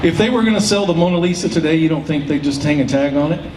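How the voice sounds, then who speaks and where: A man's voice: on the high side, fast. A man hosting a public event, explaining things to an audience in a folksy way. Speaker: auctioneer and event emcee. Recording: roomy PA sound, distant, faint noise.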